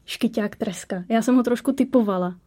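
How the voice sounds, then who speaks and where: A woman's voice: a little high, dark tone. A woman hosting an interview in a chatty, joking manner. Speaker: host. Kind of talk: interview chat.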